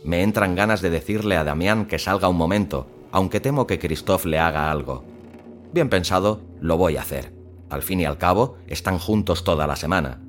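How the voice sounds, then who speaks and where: A man reading a first-person suspense story in a measured, tense storytelling manner. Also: deep voice, animated, soft background music. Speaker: narrator.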